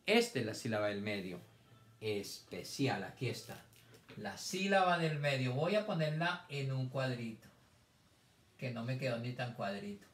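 A man's voice: medium pitch, expressive, moderate pace. A man teaching a children's reading lesson, patiently stretching out words syllable by syllable. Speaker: primary school teacher. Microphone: camera on a stand.

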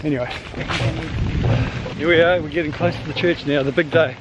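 A man's voice: on the high side, steady tone, fairly quick, muffled recording. A man in his fifties with a New Zealand accent, chatting casually as he walks and films a sailing vlog on a tropical island. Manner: chatty, upbeat, teasing. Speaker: sailing vlogger. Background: music.

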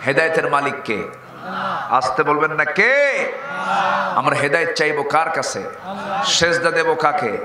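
A man preaching a fiery sermon. He rises to high, shouted peaks, calls out for the crowd to answer him, and slips into chanting. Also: normal speed, long pauses. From Bangladesh. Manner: rousing, rising to a high shout, then chanting. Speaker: Islamic preacher. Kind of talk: fiery sermon with call-and-response. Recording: echoey public-address sound with faint noise.

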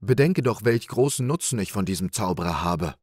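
A man's voice: lowish voice, expressive, fairly quick, darkish tone, no echo, clean studio sound. A man voicing a sly, cheerful young peasant trickster in an audiobook fairy tale, in an eager, persuasive manner.

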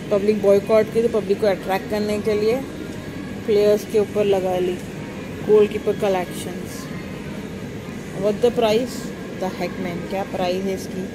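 A woman vlogger with an Indian Hindi-Urdu accent, chatting casually about products and prices while walking through a large supermarket, recorded on a phone. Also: medium pitch. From South Asia. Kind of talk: casual walk-through vlog. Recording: phone video with store noise.

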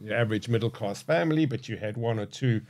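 A man in his late fifties with a mild South African accent, a podcast guest recalling his past in a measured, reflective way with frequent hesitations, recorded on a studio mic. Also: lowish voice, darkish tone, no room sound. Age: 50s. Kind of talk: candid interview storytelling. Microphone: studio boom mic.

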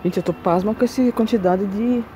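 A woman's voice: medium pitch, fairly quick, mellow, slight background noise, poor audio. A Brazilian woman with a São Paulo accent chatting casually and uneasily as she walks outdoors, often exclaiming. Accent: Brazilian, São Paulo region. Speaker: vlog host. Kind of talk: casual exploration chat. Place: outdoors, walking through a cemetery.

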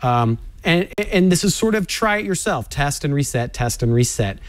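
A man's voice: fairly high pitch, animated, normal speed, clean tone. A man explaining how to overclock a graphics card in a cautionary, instructive way. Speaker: tech demo guest explaining overclocking. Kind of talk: explanatory studio segment.

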